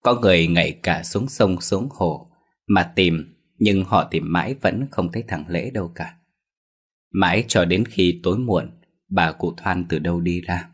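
A man narrating a Vietnamese village ghost story in a steady, measured way. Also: low voice, husky.

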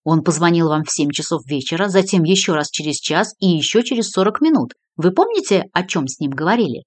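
A woman reading an audiobook, voicing a calm, methodical male investigator asking measured questions. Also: fairly low pitch, no room sound. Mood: probing.

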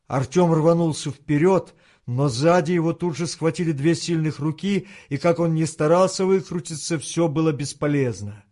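A man reading a tense novel aloud as an audiobook narrator, with steady, dramatic storytelling. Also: on the high side, normal speed. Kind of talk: scripted narration.

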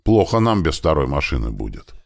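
A man's voice: extremely low pitch, sing-song, brisk, vocal fry, heavily acted. A man voicing a friendly, direct male crew leader in an audiobook. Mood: casual.

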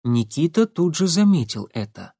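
A man narrating a story in a steady, even reading voice. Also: a little high, moderate pace, breathy edge, no room sound, clean studio sound. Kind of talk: audiobook narration.

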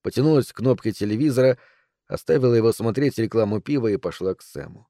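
A man narrates a novel aloud in a calm, measured way, his tone mellow and unforced. The sound is close and dry. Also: medium pitch, no echo. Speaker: audiobook narrator.

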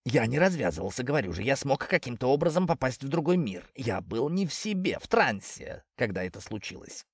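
A man voicing a timid male snake who whines and frightens easily, in a plaintive, drawn-out way. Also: mid-range voice, big pitch swings, breathy edge, no room sound. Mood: bewildered.

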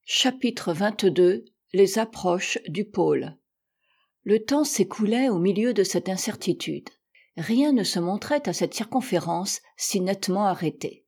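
Husky woman reading an old adventure novel, mellow dark tone, steady and expressive. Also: medium pitch. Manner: measured and expressive, with dramatic rises for shouts. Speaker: audiobook reader. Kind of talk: literary audiobook narration.

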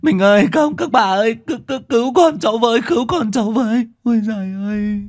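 A grief-stricken young mother, as a male storyteller puts her on wails in a high, strained voice, sobbing between cries. Faint music plays underneath this ghost story. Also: fast talker, darkish tone. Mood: wailing. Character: grieving young mother wailing for her baby.

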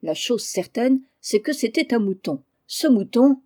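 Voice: mid-range voice, sing-song, unhurried, a little mellow, voice pushed up. A reader of an audiobook voicing a scatterbrained man who rambles and keeps correcting himself. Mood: triumphant rambling. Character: scatterbrained chatty man recalling his aunt.

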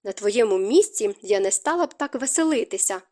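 A woman's voice: on the high side, expressive, a little fast, mellow, natural voice. Strict society mother, scolding and commanding, read by a woman. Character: strict middle-aged mother, a proper society lady.

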